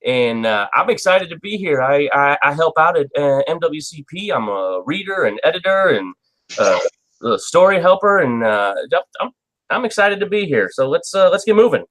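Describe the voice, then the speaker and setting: A man introducing himself on a podcast panel, halting and full of fillers but upbeat. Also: a little high, big pitch swings, a bit bright, rough recording. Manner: halting, lots of uh and restarts. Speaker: editor, TV recapper. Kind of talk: casual podcast chat.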